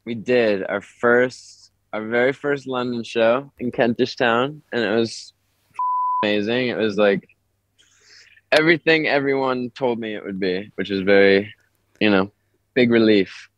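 A man, a young touring musician, talking over the phone in a relaxed, rambling way with lots of filler words. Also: medium pitch, measured pace, dry recording. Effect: heard over the phone. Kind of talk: casual phone interview. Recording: dry, muffled phone line.

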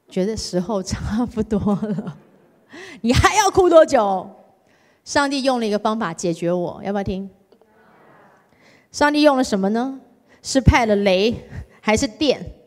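A woman giving a sermon testimony, telling her story in a lively, dramatized way and acting out her own pleading. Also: fairly high pitch, unhurried, pauses often. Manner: animated storytelling, acts out her own whining. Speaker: guest preacher. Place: church sanctuary. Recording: church hall reverb.

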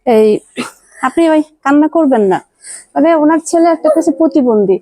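A woman visiting and interviewing a hospital patient. She speaks gently and soothingly, often calling the patient mother. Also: high-pitched, expressive, moderate pace, dry recording. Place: hospital ward.

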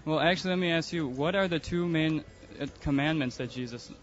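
Earnest, calm man debating on the street. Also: fairly high pitch, a little fast, muffled recording, faint music behind. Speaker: passerby in a religious debate. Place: outdoors on a city street.

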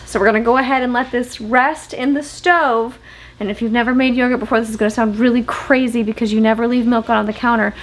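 This is a poor-quality recording with a little hiss or hum. A homesteading vlogger in her thirties cooks in her home kitchen, talking to the camera and casually explaining each step. Her voice is on the high side, with vocal fry.

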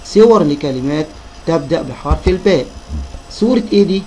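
A man with an Egyptian Arabic accent teaching a children's reading lesson, sounding out syllables slowly and addressing the kids as friends. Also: fairly high pitch, animated, darkish tone, slight background noise, rough recording.

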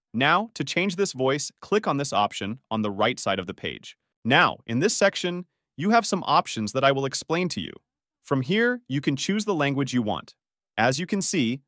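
A man talks through a software tutorial, his pitch moving in a lively way. He explains each step plainly and in order. The sound is close and dry, with no room echo. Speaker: tutorial narrator. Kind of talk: screen-recording tutorial narration.

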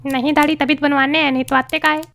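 A woman's voice: high voice, little pitch movement, fast talker, vocal fry, fairly bright tone, slight background noise, pitched above the performer's own voice. A woman voicing a naive, whiny young male customer in a cartoon. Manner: whiny, protesting. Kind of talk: cartoon voice acting.

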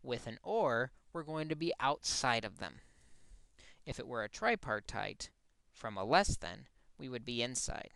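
Male math teacher, methodical explainer, resonant with some fry, dry close mic. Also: mid-range voice, expressive, unhurried, fairly bright tone, no room sound. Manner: explains step by step, corrects his own slip. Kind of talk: recorded math lesson.

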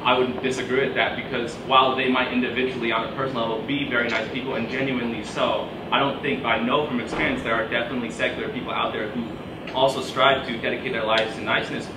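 A man's voice: mid-range voice, flat delivery, fast talker, background noise. A sick young man born in Australia, asking a hesitant audience question full of fillers. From born in Australia, raised in Shanghai. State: sick, coughing. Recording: echoey room, voice from far off.

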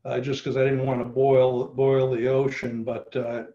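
This genealogy presenter, a middle-aged man, speaks a little slowly with little pitch movement in a dark, mid-range voice. His casual online presentation, delivered over a video call with slightly dull sound, has many fillers and restarts.

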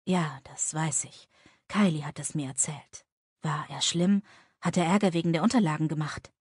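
A tender young man speaks low and soft to the woman he loves, as a woman reads him in a romance audiobook. The voice is husky and breathy, and it sits close and dry with no room around it. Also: fairly even intonation, measured pace, dry recording, exaggerated voice. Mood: hushed.

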